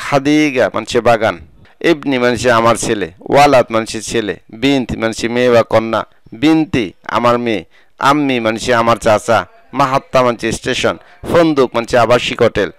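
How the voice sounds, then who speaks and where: A man with a Bangladeshi Bengali accent gives a scripted vocabulary lesson, saying each word and then its meaning in slow, measured steps. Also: medium pitch, clean tone, no echo, low-quality recording. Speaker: Arabic language teacher.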